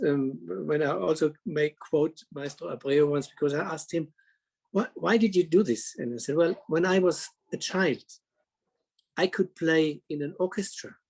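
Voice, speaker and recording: Hesitant man with a raised pitch. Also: darkish tone, husky. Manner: hesitant, many restarts, slightly non-native phrasing. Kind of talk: conference panel talk.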